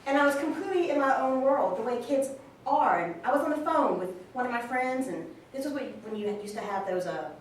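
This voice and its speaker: In a staged reading, an actress in her 20s plays a twenty-eight-year-old sister fondly remembering her brother, delivering a conversational monologue. Her high voice is lively and animated, a little fast, with a reflective, affectionate mood and an informal telling. The mic is distant in a very echoey, noisy room.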